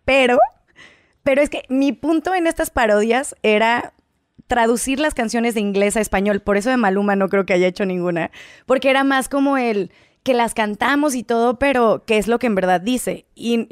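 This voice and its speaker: A woman's voice: fairly high pitch, normal speed, dry recording, studio quality. A young woman with a Mexican accent, chatting casually as a guest, slangy and playful. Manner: slangy, playful, laughs often. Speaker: guest youtuber. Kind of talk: casual chat.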